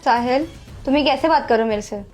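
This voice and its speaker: This is a young actress voicing Rubika, the unfaithful wife in a dramatic short film, who has left her husband and now pleads, selfish and dismissive, with her boyfriend, using some English phrases. Her high, natural voice moves quickly and sounds a little mellow, with soft music underneath.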